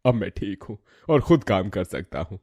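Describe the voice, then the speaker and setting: A man voicing a humble husband and father in a cartoon story, speaking softly, politely and in a measured way. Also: on the low side, big pitch swings, gravelly, husky, no echo, studio quality, exaggerated voice. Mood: grateful. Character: humble grateful male husband, recovered father.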